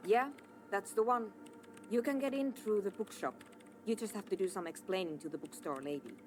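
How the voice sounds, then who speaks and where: An actress playing a proud, exasperated programmer in a video game, curt, insistent and defensive. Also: female voice, mid-range voice, brisk, slight background noise, close to an everyday voice. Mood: matter-of-fact. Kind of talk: scripted video game dialogue.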